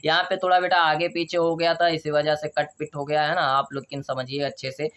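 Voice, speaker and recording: A male teacher giving a video lesson on pronunciation. He asks a question, answers it himself, and spells letters out slowly before saying each word. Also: fairly high pitch, flat delivery, fairly bright tone. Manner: drills by asking questions and answering them himself. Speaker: English teacher.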